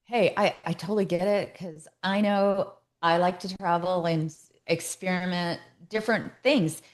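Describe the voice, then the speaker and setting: A woman's voice: lowish voice, steady tone, moderate pace. A woman hosting a podcast, chatty and enthusiastic as she welcomes listeners and asks questions. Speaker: podcast host.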